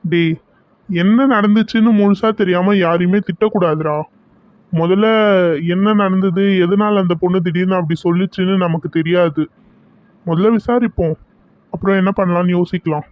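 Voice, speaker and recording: A man voicing a calm, level-headed young brother in a cartoon serial, reasoning things through. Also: sits high, normal speed, lightly acted. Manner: reasoning, steady. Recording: dull lo-fi dry recording.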